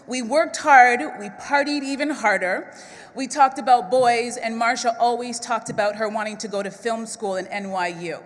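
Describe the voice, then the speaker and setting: A woman's voice: on the high side, steady tone, moderate pace. A woman hosting a public event, speaking with emotion and fighting back tears. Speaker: event host, TV co-host. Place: large event hall. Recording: long hall reverb.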